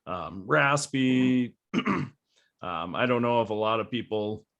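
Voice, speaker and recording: A man co-hosting a casual podcast chat over a video call, relaxed and laughing often. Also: fairly low pitch, slow pace, lo-fi sound. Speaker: podcast co-host.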